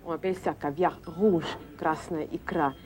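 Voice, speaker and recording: A woman's voice: deep voice, fairly even intonation, normal speed, darkish tone. A woman whose first language is Russian, chatting casually as she explains dishes step by step in a restaurant. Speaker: Russian teacher. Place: busy restaurant. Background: crowd chatter.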